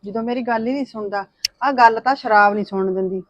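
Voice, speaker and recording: A woman's voice: a little high, fast talker, no room sound, lo-fi sound, lightly acted. An older woman playing a worried mother caught between her son and her daughter-in-law, pleading and fretful. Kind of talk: Punjabi short film acting.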